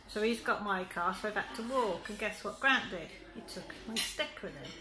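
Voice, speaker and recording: A woman's voice: mid-range voice, lively intonation, normal speed, echoey room. A middle-aged woman chatting casually to camera in a family vlog, tired out from a walk. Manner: chatty, chirpy, rises into a sing-song voice for the dogs. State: worn out from walking. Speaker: vlogger, mother. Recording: noisy background.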